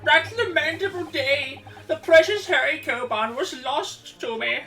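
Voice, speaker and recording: A woman voicing an eccentric, fretful old man in a video game, with drawn-out, archaic, theatrical delivery. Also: sits high, lively intonation, sharp tone, far from the mic, soft background music, exaggerated voice, poor audio. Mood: mournful, indignant. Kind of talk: video game character dub.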